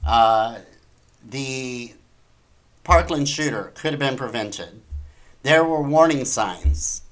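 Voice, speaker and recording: A man with a mid-range voice and lively intonation hosts an opinionated talk show, taking his time as he reads articles aloud. He comments on the news incredulously and emphatically, firing off rhetorical questions.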